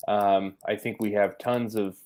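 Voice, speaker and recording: A man's voice: lowish voice, level tone, a little slow, a little mellow. Man musing over a football loss. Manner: thoughtful, hedging, many fillers. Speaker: sports podcast co-host. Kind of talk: casual postgame football chat.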